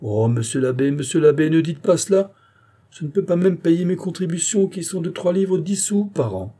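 A man's voice: medium pitch, moderate pace, warm tone, slightly rough, pitched above the performer's own voice, close to an everyday voice. A man voicing a miserly, pious old spinster aunt who protests in a plaintive, whining way.

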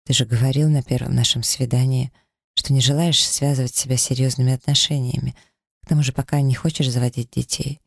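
A man reading a romance audiobook, voicing an emotional young woman in love with a raised pitch and a breathless, pleading manner. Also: flat delivery, fairly quick, gravelly, slightly rough, dry recording, clean studio sound. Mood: tender.

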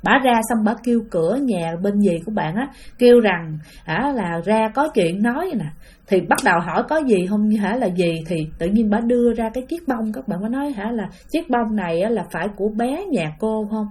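A woman's voice: mid-range voice, animated, brisk, a little mellow. A woman with a Southern Vietnamese accent telling a ghost story in a chatty way, often addressing her listeners directly.

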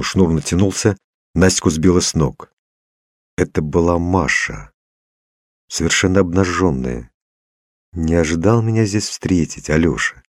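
A man's voice: low-pitched, no room sound, studio quality. A man narrating a science fiction audiobook in the first person, in a tense, dramatic storytelling manner.

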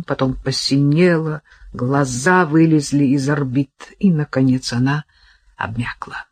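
An audiobook narrator reading a dramatic historical story in a tense, steady manner. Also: mid-range voice, no echo.

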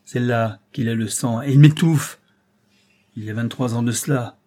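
A man's voice: mid-range voice, moderate pace, mellow, natural voice. A man reading an audiobook, voicing an enraged, guilt-torn aristocratic count who speaks with vehement, bitter anguish. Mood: anguished confession.

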